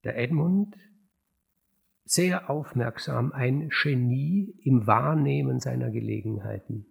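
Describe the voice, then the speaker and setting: An unhurried male storyteller recounting a tragic play aloud in a lively, dramatic manner. His voice is gravelly and husky, stumbling now and then and repeating words as he builds the tension. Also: mid-range voice. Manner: animated, with hesitations and repeated words. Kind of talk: dramatic oral retelling of a classic play.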